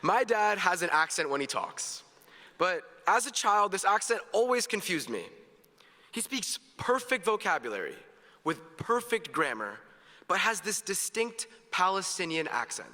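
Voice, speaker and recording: A teenage boy gives an earnest, upbeat graduation speech sprinkled with jokes in a large, echoey hall with long reverb. His high voice is sing-song and unhurried, with a sharp tone.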